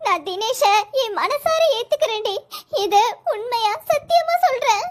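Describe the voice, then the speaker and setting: A performer voicing a stubborn, sharp-tongued young wife who scolds fast and later softens. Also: very high-pitched, animated, noisy background. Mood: resolved.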